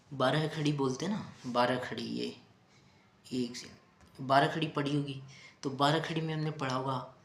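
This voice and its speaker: A man's voice: medium pitch, fairly bright tone. A male teacher giving a grammar lesson, patiently repeating key terms and asking his students rhetorical questions. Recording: roomy echo.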